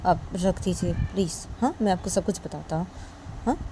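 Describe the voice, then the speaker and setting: A woman voicing a calm college principal who coaxes and politely pleads to settle a quarrel. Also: on the low side, moderate pace, background noise, close to an everyday voice. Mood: placating. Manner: soothing, coaxing, polite pleading.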